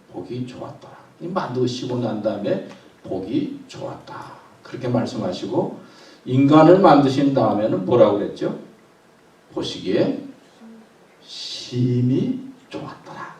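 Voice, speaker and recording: A man preaching a Sunday sermon as pastor, telling the story with lively, acted-out quotes. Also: medium pitch, a little hiss or hum. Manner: animated storytelling, acting out God's delighted voice. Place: church sanctuary. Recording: echoey church from a distance.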